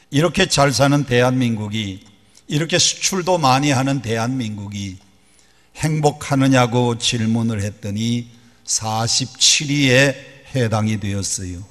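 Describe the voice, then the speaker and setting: A male pastor of average pitch delivers a sermon in a large church sanctuary and speaks into a PA microphone. He leads the congregation in call-and-response and adds folksy, joking asides. A long reverb from the hall trails each phrase. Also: fairly bright tone.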